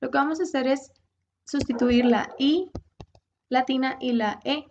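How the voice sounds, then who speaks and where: Slow-speaking woman teaching English grammar. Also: high voice, steady tone, highs cut off, background noise. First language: Spanish. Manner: explains rules step by step, switching between English and Spanish. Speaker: virtual English tutor. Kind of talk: bilingual grammar lesson.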